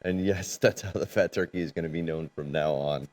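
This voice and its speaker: A man's voice: a bass voice, fairly quick, a little mellow. A man co-hosting a casual live-stream chat, teasing his partner and switching between bursts of hype and mumbled asides. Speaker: co-host.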